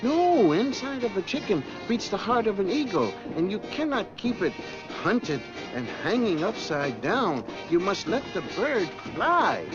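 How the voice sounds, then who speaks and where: A quick, blustering agent with a high, lively voice that jumps around a lot. He sounds dull and lo-fi, like an old TV soundtrack, with music clearly underneath. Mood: earnest. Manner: lively, pleading, comic bluster.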